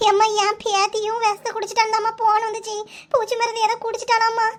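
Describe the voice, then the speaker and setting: A woman's voice: extremely high pitch, monotone, fast. A woman voicing a bustling village neighbor in a cartoon, talking urgently in a Kanyakumari Tamil accent. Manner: urgent, pleading, soothing. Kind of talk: cartoon voice acting.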